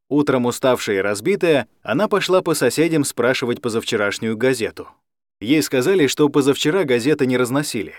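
A man narrating an audiobook in an expressive storytelling manner. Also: mid-range voice, dry recording. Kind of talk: scripted narration. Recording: dry close studio sound.

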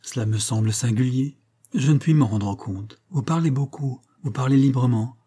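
Un homme qui lit une jeune femme douce mais ferme, la voix montée, posée et insistante, dans un livre audio. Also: male voice, mid-range voice, normal speed, dark tone, husky, close to an everyday voice.

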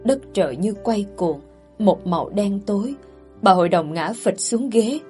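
A woman's voice: medium pitch, animated, unhurried, mellow. A woman narrating a family drama audiobook, voicing the characters' lines herself. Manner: voices the characters' quoted lines herself with mild emotion. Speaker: storyteller. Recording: faint background music.

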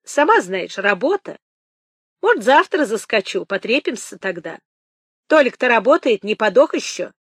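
A hearty, teasing boatman, as a woman reading the story puts him on in a storybook reading. He jokes loudly and snorts as he laughs, his voice swinging up and down with lively pitch. The sound is close and dry. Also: moderate pace, breathy edge, dry recording, heavily acted. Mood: hurried, jocular. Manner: boisterous, bantering, snorting with laughter. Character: jovial middle-aged male boatman, loud and teasing.

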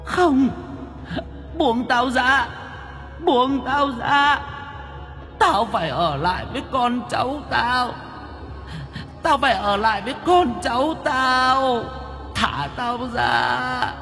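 A man's voice: slow, creaky, long pauses, in a large hall, soft background music, exaggerated voice. A man voicing a shrieking old grandmother's ghost. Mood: desperate. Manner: shrill, desperate crying shout.

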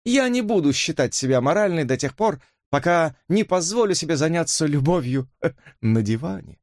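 A man's voice: fairly high pitch, lively intonation, normal speed, a little mellow, no room sound, studio quality, pitched above the performer's own voice. A man reading an audiobook, voicing a flippant, mocking young woman who drawls her words. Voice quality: drawling, teasing.

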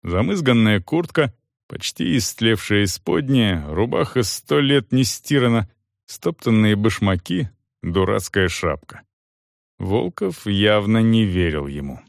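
A man narrating an audiobook in a measured, expressive storytelling manner. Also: on the low side, creaky, dry recording, studio quality.

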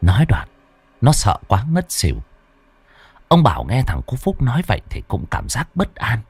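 A man's voice: mid-range voice, huge pitch swings, moderate pace, darkish tone, breathy edge. A man narrating a ghost story in a dramatic, scripted way. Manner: dramatic, swooping storytelling delivery. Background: faint background music.

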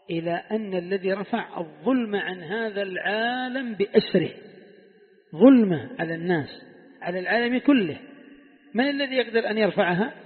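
A man teaching a religious text in a classroom lesson, explaining step by step and posing rhetorical questions to his students. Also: high-pitched. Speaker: sheikh teaching Quran commentary. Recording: tinny phone-like sound in an echoey hall.

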